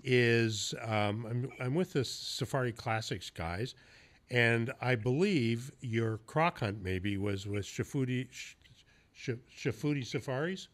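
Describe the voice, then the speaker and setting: A mid-range male voice, speaking slowly, belongs to a podcast host narrating hunting anecdotes. The interview chat stays casual, his storytelling loose, with the odd swear word and chuckle.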